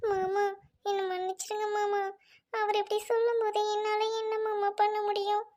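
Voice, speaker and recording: A woman's voice: extremely high pitch, completely flat delivery, moderate pace, darkish tone. A woman voicing an anxious, pleading young pregnant daughter-in-law in a family drama. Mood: hurt. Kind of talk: family radio-play acting.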